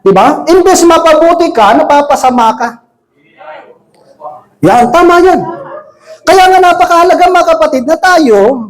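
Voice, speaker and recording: A man preaching a casual sermon to a congregation, joking and often checking in with quick rhetorical questions. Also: very high-pitched, low-quality recording. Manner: jokey, asks the congregation frequent rhetorical questions. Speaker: lay preacher. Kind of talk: conversational sermon. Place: church service with a congregation.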